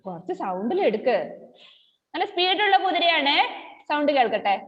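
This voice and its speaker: A woman teaching an online kindergarten class, chanting words slowly in a sing-song way and coaxing her young pupils to answer. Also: sits high, big pitch swings. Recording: dull lo-fi audio with long reverb.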